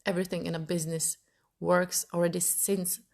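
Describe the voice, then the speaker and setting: This lowish, flat voice belongs to a thirtysomething Italian woman speaking a little fast. She's delivering a personal monologue on her own podcast, thinking aloud and hunting for words as she goes.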